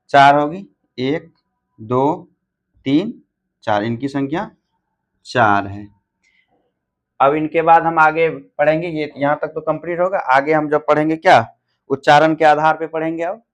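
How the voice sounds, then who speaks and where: A man teaching an exam-prep grammar lesson, asking questions and answering them himself, counting items out and repeating points. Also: on the high side.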